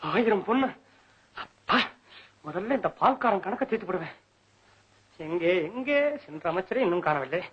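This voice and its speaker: A man's voice: high-pitched, expressive, moderate pace, pauses often, muffled recording. A man playing a poor, panicky male poet in a comic scene reenactment, whining and wailing. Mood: fretful.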